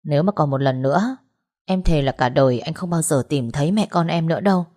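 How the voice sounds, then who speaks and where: A proud, estranged wife who keeps her voice cold and curt, read by a woman. Her tone is low and mellow, even when the words turn sharp. It is an audiobook story. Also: brisk. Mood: stern. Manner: cool, curt.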